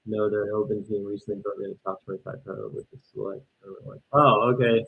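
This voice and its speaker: A man, casually reacting live to a game and chatting with viewers, bursting into loud exclamations. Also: on the low side, quick pace, gravelly. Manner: excitable, exclaims loudly at plays then chats calmly with viewers. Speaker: livestream host reacting to an ultimate frisbee game. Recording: dull lo-fi stream audio.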